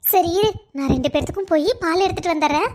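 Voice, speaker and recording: A woman's voice: very high voice, fast, darkish tone. A woman voicing a doting, bossy middle-aged mother in a cartoon story, fussing over her family. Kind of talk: Tamil cartoon voice acting.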